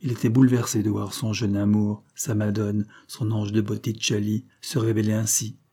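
A man with a fairly low-pitched voice reads a novel aloud for an audiobook, keeping his storytelling measured and even.

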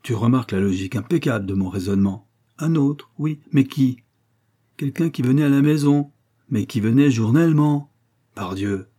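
A man voicing a pompous, doddering elderly gentleman who lectures his friend with boastful, self-satisfied reasoning in a storybook reading. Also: mid-range voice, lively intonation, moderate pace, voice pushed up, close to an everyday voice.

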